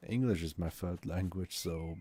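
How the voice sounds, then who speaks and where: A man's voice: sits low, moderate pace, mellow. A man whose first language is Turkish, chatting casually with viewers while streaming a game and musing aloud.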